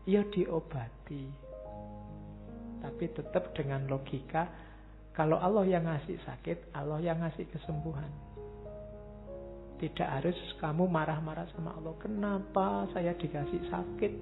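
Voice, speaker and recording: A man's voice: fairly high pitch, fairly even intonation, measured pace, gravelly, long pauses. A man giving a casual philosophy lecture, chatting with his audience and asking rhetorical questions. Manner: conversational, asks the audience rhetorical questions, homely examples. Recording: tinny lo-fi recording with faint music behind.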